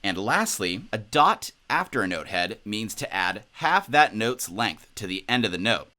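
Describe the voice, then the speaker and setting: A young man teaching a music lesson in an upbeat, instructional way. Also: a little slow. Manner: upbeat, instructional, lively pitch. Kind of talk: music tutorial.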